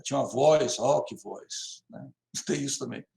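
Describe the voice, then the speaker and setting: A man's voice: mid-range voice, normal speed, creaky, a little mellow, reverberant. A middle-aged Brazilian man teaching an online class, talking casually, acting out little dialogues and asking his students questions. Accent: Brazilian Portuguese. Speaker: university lecturer.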